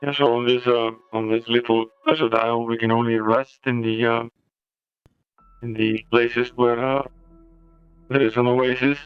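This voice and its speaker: A man streaming a game, talking in a halting, casual way through a bitcrushed eight-bit robot voice filter. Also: medium pitch, level tone, smooth, dull audio, faint music behind. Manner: halting, with many pauses. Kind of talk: casual gameplay commentary.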